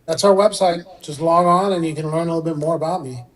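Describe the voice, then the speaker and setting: A middle-aged man born in Iran, a surgeon speaking as a guest on a radio interview, explaining in a relaxed way with occasional fillers. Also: on the high side, fast, rough recording.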